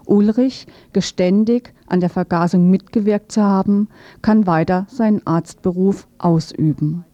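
A woman reads a scripted radio news feature aloud, sober and matter-of-fact, in a mid-range, mellow voice at a slightly slow pace. The recording is dull, roomy and lo-fi, in typical radio fashion.

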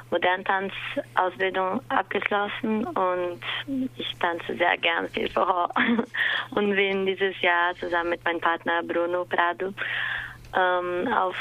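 Young woman, Brazilian accent, bright tense tone, guest on a live interview. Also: on the low side, gravelly, a little hiss or hum, low-quality recording. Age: 20s. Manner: laughs often, halting non-native German. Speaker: dance teacher, guest. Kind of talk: live interview over a call.

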